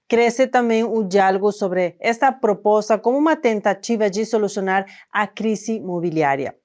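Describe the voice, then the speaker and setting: Female news host, conversational, slightly high voice. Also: darkish tone. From northern Argentina. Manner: explanatory, conversational. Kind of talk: news presenting. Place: studio.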